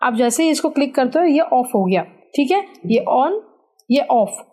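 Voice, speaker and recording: A woman's voice: high-pitched, expressive, unhurried, darkish tone. A young woman chatting casually as she reviews a microphone, explaining things step by step and mixing English phrases into her talk, recorded on a lapel mic indoors. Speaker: content creator reviewing a microphone. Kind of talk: casual product review vlog. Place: indoor room with fan and AC running. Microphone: wireless lapel mic.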